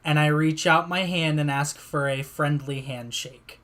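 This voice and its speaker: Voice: medium pitch, steady tone, a little slow, crowd noise. A player in a tabletop role-play session, playfully narrating a comic entrance for his character. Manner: playful, storytelling.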